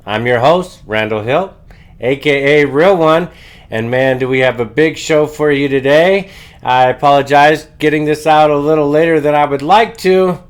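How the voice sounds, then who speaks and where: A man hosting a political show, giving opinionated news commentary while congested with a head cold, halting often with drawn-out uhs. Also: fairly high pitch, clear, resonant tone.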